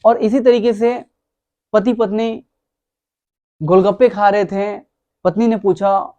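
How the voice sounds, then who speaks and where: A man's voice: high-pitched, flat delivery, takes it slowly, mellow, highs cut off. A man giving a motivational talk who speaks emphatically, repeats his key words and calls his listeners friends.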